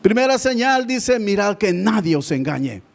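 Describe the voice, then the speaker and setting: A man preaching a sermon in a fairly high voice. He keeps speaking straight to the congregation, climbing to loud appeals, then sinking into quiet, low asides. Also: big pitch swings, moderate pace, gravelly. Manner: keeps addressing listeners as brother, swings between loud and hushed. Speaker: pastor.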